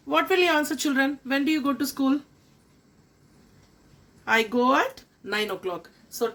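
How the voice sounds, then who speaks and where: A middle-aged woman with a Tamil accent gives an English lesson at a very slow, careful pace. Her voice sits high, and she repeats each example sentence before translating it for her students. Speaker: school principal teaching English. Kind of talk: classroom lesson.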